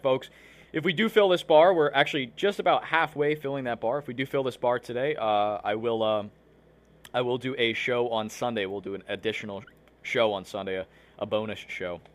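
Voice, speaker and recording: A man's voice: medium pitch, fairly even intonation, a little fast, fairly bright tone. A man hosting a live online show, talking casually and rambling with many fillers while fighting hiccups. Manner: rambling, filler-heavy, restarts often. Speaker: livestream show host. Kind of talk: casual livestream talk to viewers.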